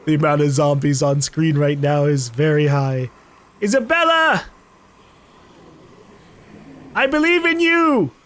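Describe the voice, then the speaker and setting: Calling out to characters as he plays, a gaming YouTuber keeps his let's play commentary casual and playful. His voice is a little high and a bit bright, animated, at a normal speed.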